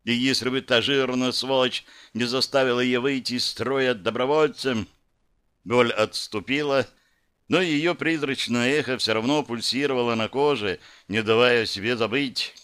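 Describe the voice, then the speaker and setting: A man's voice: mid-range voice, steady tone, moderate pace, fairly bright tone, clear, resonant tone. A man narrating a first-person fantasy audiobook with dramatic, vivid storytelling.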